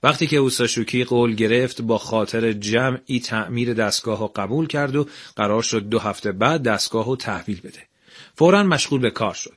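A man narrating a scripted radio story in an even, measured way. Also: medium pitch, faint music behind.

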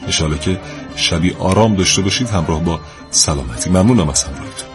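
A man's voice: low voice, over music. A man hosting a late-night radio show, reading listener messages in a polite, formal way. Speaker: radio host.

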